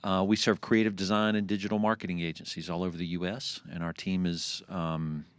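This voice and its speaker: A man's voice: sits low, little pitch movement, brisk, smooth, no echo. A man in his forties, a guest on a podcast, chatting casually and laughing easily about his accounting work. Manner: easygoing, laughs often, many fillers. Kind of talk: casual interview chat.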